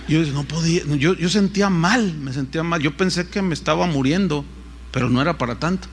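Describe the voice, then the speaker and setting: A man with a Mexican accent, a preacher telling a personal story in a sermon, animated and acting out the voices of others. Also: high voice. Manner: animated, acts out quoted voices, frequent restarts.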